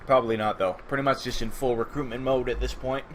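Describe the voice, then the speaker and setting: A man casually commentating a strategy game at home, relaxed and rambling, thinking aloud, a bit sleepy. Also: mid-range voice, quick pace, slight background noise. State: sleepy, just woke up. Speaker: gaming channel host. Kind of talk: casual let's-play commentary.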